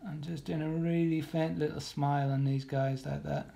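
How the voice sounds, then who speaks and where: A man's voice: on the high side, level tone, moderate pace, gravelly, warm tone, slight background noise. A man leading a live draw-along painting class, chatty and encouraging, talking as he paints with lots of ums and restarts. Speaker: illustrator teaching a live art class.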